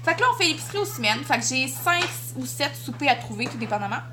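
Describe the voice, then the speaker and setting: Chatty Québécoise mom, lively high voice. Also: female voice, quick pace. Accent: Quebec French. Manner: chatty, talks to her toddler in a sing-song voice. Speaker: vlogger and mother. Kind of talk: casual home vlog.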